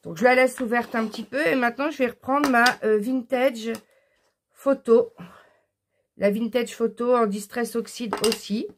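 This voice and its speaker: A woman with a slightly raised voice talks through a craft tutorial as she works. She is chatty and unhurried, pausing with fillers between steps. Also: fairly high pitch, steady tone, background noise. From France. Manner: chatty, explains each step while working, many fillers. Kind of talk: casual craft tutorial narration.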